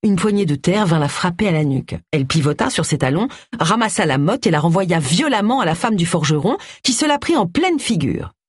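An audiobook narrator reading a mystery novel in a measured, even storytelling voice. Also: mid-range voice, breathy edge, no room sound, clean studio sound. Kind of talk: scripted narration of a cozy mystery.

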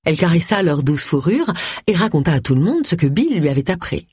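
An audiobook narrator reading a novel in an expressive, varied way. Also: medium pitch, a little fast, husky, dry recording, studio quality. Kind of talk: scripted narration.

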